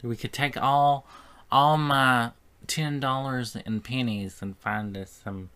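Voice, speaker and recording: A man with a drawl talks unhurriedly on a casual podcast. He rambles from one thing to the next and slips in dry little jokes. His pitch sits in an ordinary middle range. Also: steady tone, pushed and bright, clear, resonant tone. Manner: slow, rambling, dry joking. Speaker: podcast co-host.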